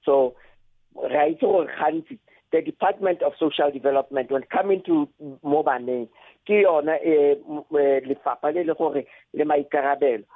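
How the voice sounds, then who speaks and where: A man with a South African Setswana accent speaking in a radio discussion, hesitant and pausing often. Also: a little high, no room sound. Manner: hesitant, frequent pauses. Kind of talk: radio discussion, mixing languages. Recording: narrow phone-like line.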